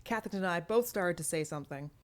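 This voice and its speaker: A woman with a lowish voice reads a first-person story aloud, animated and fast. She is an audiobook narrator performing scripted fiction.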